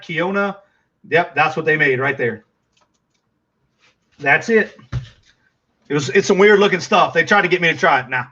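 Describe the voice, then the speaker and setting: A middle-aged man with a Texas accent rambles casually to viewers on a livestream, using lots of fillers and restarts. His voice is a little high and sharp, and the audio sounds dull.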